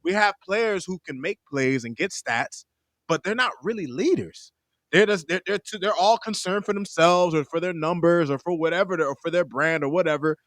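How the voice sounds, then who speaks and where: A man co-hosts a sports podcast, speaking casually and with emphasis, tossing in "bro" and "man" as he talks. His voice runs somewhat high. The recording is dry, with no room echo. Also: normal speed, a bit bright. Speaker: podcast co-host.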